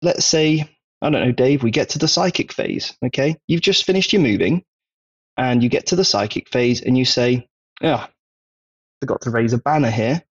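A man with a Wiltshire accent talks through his ideas on a casual podcast, often pausing to check in with "okay?". His voice is husky and a little breathy. The recording sounds dull and lo-fi. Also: mid-range voice, expressive. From Wiltshire, England. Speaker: podcast co-host.

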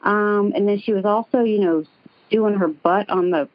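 A woman's voice: mid-range voice, moderate pace, dry recording. A middle-aged woman with a Southern American accent calls in to a radio show. She rambles through her story with plenty of ums and restarts. Her voice comes over a dull, lo-fi call-in line with a dry sound and no room around it. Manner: chatty, rambling, many ums. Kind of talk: casual chat.

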